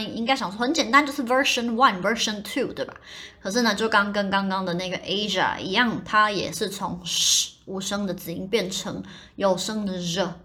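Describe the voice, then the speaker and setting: A woman hosting a podcast lesson, explaining pronunciation step by step and saying example English words slowly and carefully. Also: mid-range voice, fairly bright tone.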